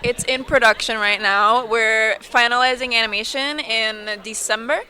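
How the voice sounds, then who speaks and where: A woman describes her student film during an interview. Her voice is bright and a little high, and she explains things earnestly and clearly. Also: fairly even intonation, normal speed. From Puerto Rico. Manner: earnest, informative. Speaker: animation student. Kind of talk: casual interview chat.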